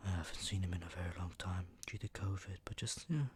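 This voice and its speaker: In this soft-spoken ASMR show-and-tell, a young male host rambles at an easy pace in a half-whisper, his voice low-pitched with fairly even intonation. He's recovering from the flu, so he sounds mildly ill and a bit sore-throated. Clicks and other noticeable background noise run through the clip.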